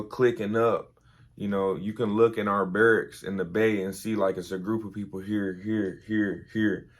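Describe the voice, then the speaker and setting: Tired, laid-back young man, low voice. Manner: laid-back, rambling with many fillers. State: tired, early morning. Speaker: vlogger, army veteran. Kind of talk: casual storytelling.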